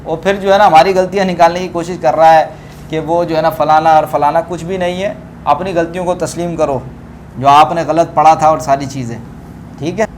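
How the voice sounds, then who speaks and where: Polemical male commentator, pitched high, argumentative, faint noise underneath. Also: fairly even intonation, darkish tone. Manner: combative, repetitive fillers. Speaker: religious debater. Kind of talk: polemical commentary over scanned texts.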